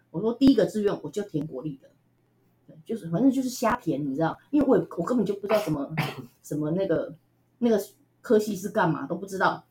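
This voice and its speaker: A woman from Taiwan with a Taiwanese Mandarin accent, telling stories as an interview guest in a chatty, animated way with frequent laughs. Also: lowish voice, a little hiss or hum. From Tainan, Taiwan. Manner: chatty, animated, laughs often, many fillers. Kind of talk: casual storytelling interview.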